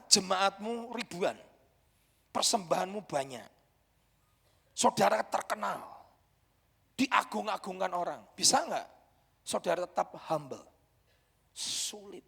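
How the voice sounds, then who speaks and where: A man's voice: high voice, gravelly, slightly rough. Indonesian pastor guy preaching, big dramatic swings, long church hall echo. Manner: emphatic, dramatic preaching with sudden loud peaks. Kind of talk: sermon.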